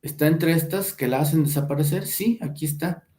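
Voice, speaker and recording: A male teacher giving a slow lecture, checking in with his listeners by asking whether they follow and drawing out each example word. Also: on the high side, warm tone, roomy sound. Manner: drawn-out, careful enunciation of example words.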